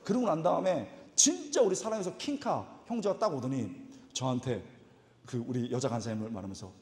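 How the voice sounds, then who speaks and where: Animated male pastor in an echoing hall. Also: medium pitch, fairly quick. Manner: animated, imitates people in his stories, exclaims. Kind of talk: lively storytelling sermon. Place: church retreat evening service hall. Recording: echoey hall reverb.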